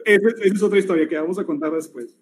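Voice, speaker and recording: A man's voice: sits high, slight background noise. A man with a Mexican accent, co-hosting a podcast in slangy, joking chat. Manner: slangy, quick reactions and jokes. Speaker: podcast co-host.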